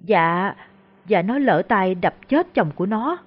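A woman's voice: medium pitch, animated, slow. A woman voicing a frightened, humble peasant woman who stammers deferentially. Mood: anxious pleading. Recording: dull lo-fi recording.

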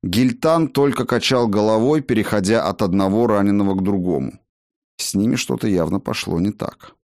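A man narrating a fantasy audiobook in an expressive storytelling manner. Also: lowish voice, moderate pace, no room sound, studio quality.

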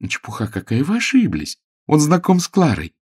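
A man voicing a gushing society lady, high and fluttery. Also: wildly swooping pitch, moderate pace, a little mellow, breathy edge, no room sound, clean studio sound, full character voice. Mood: chatty. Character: chatty high-society lady, middle-aged, kindly. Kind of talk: audiobook character voice.

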